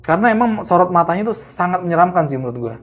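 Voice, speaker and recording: A young man casually tells a horror story in a lively, slangy way. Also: sits high, very fast, soft background music. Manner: animated, acts out the people in his story, slangy. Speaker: guest storyteller.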